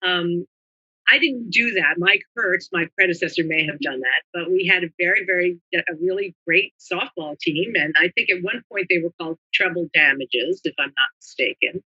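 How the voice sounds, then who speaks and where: Chatty older woman with a bright voice. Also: lowish voice, moderate pace, slightly rough, highs cut off. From New Jersey. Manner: chatty, meandering storyteller. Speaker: guest, retired government lawyer. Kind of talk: conversational interview, reminiscing.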